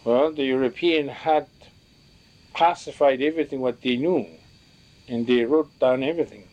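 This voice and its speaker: A man recalling what elders taught him, talking in a reflective, halting way with many restarts as he searches for words. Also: mid-range voice, darkish tone, muffled recording. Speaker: storyteller recalling teachings from elders. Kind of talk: reflective spoken recollection.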